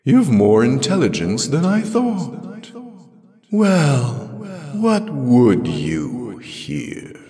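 A man reading a story aloud, voicing a mocking, alien female apparition made of light with a deep, resonant voice. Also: huge pitch swings, extremely slow, mellow, big-room sound, full character voice. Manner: mocking, commanding, derisive. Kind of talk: audiobook reading.

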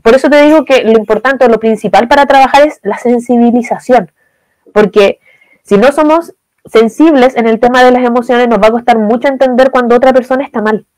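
A young adult woman with a Chilean accent, answering interview questions with lively, acted-out examples. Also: fairly high pitch, brisk, no echo. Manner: lively, uses voiced quotes and examples. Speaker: guest expert on positive communication.

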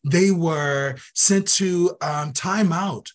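A youth program director appears as a guest in a conversational interview, speaking very slowly in a somewhat high voice. He is earnest and emphatic, repeating phrases to hammer his point home.

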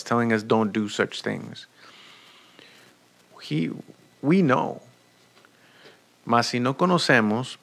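A man preaching a bilingual sermon as a pastor, talking slowly and deliberately, moving between two languages and repeating each point. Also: medium pitch, gravelly. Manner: switches between Spanish and English, repeating points; slow, deliberate preaching with restarts. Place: United States.

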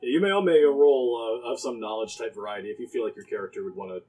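A man's voice: medium pitch, quick pace, a little mellow, husky, low-quality recording. A man narrating as game master of a tabletop game, loose and amused, with many fillers.

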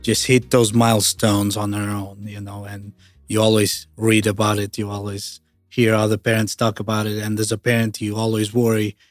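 A man speaking in an earnest, measured, reflective way, as a parent giving a testimonial. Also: on the low side, monotone, dry recording, soft background music. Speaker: parent interviewee.

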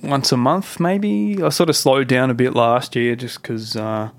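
A man's voice: mid-range voice, measured pace, creaky, no room sound. A man hosting a podcast, chatting in a laid-back, informal way. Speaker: podcast host, musician. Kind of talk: casual chat.

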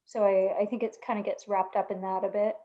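A woman's voice: medium pitch, little pitch movement, fairly quick, mellow, highs cut off. A woman speaking as a therapist in a casual podcast panel discussion.

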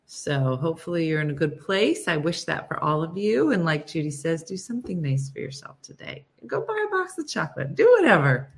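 A woman with a slightly low voice hosts a casual livestream. She sounds listless and low on energy, and she talks to her viewers in a dry, deadpan way. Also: fairly quick, hardly any pauses. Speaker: host of a morning livestream show.

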